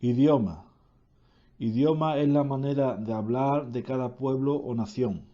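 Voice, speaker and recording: A man reading a grammar lesson aloud, slowly and deliberately, correcting himself now and then. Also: medium pitch, mellow, lo-fi sound.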